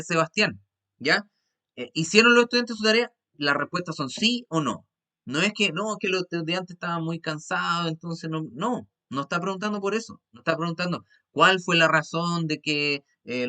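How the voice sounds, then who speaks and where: A male English teacher with a Chilean Spanish accent, explaining grammar patiently in an online class, often checking understanding and switching between Spanish and slow English. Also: fairly high pitch, bright, forceful tone.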